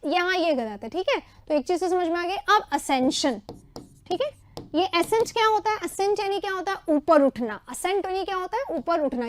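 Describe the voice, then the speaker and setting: A woman teacher running an exam prep lesson, repeating word meanings in quick lists. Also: very high-pitched, no echo. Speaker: English teacher.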